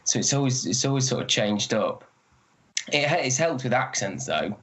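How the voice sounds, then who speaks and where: A man's voice: medium pitch, animated, normal speed, fairly bright tone, lo-fi sound, a little hiss or hum. A man who is an actor, talking in a casual interview and telling stories with lots of restarts. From northern England. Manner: chatty, rambling with restarts. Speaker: actor, guest.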